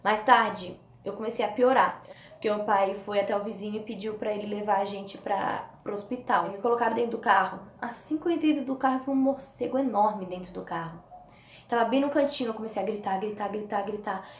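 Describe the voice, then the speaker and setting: A woman with a Brazilian Portuguese accent telling a personal story as a vlogger, animated and acting out the voices of the people in it. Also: medium pitch, a little fast. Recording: echoey room with faint noise.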